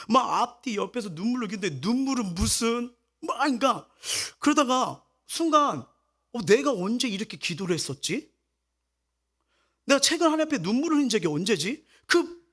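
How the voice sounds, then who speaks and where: A man delivers a sermon as pastor, his voice pitched high for a man and swinging widely up and down. He tells a personal story with animation and acts out the lines of the people in it. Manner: animated storytelling, acting out quoted speech.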